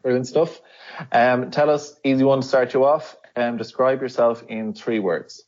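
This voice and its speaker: A man's voice: mid-range voice, fairly even intonation, normal speed, darkish tone, lo-fi sound. A man hosting a podcast, asking a guest questions in a casual interview style. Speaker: podcast host.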